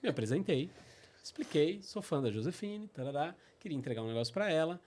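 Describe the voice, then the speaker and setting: A middle-aged man with a Brazilian Portuguese accent telling personal stories on his podcast, animated and full of fillers. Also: a little high, a little fast, a little hiss or hum. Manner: animated, acts out quotes, many fillers like "né" and "tipo assim". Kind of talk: casual storytelling.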